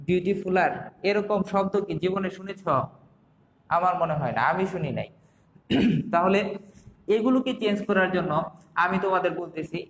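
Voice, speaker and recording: A young male teacher with a Bangladeshi accent walks his students through a lesson, asking rhetorical questions as he goes. His voice sits high for a man. The recording carries a roomy echo with a long, lingering reverb. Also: a bit bright. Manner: explains step by step with rhetorical questions. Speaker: English teacher. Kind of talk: online classroom lesson.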